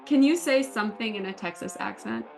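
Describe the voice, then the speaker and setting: A woman hosting a casual interview over a video call, upbeat and enthusiastic, quick to praise her guest's answers. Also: mid-range voice, expressive, gravelly, music in the background. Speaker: host for the company team.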